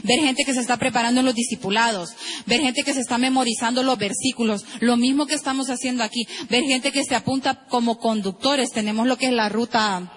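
A woman's voice: a little high, a little fast. A woman pastor giving an earnest church testimony, addressing the senior pastor formally. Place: church service.

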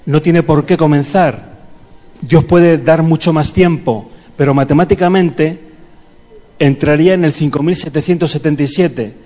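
Pleading and calling on those gathered, the man delivers a fervent prayer and sermon in church at a normal speed. His voice is mellow and a little high, and the recording has a long hall reverb.

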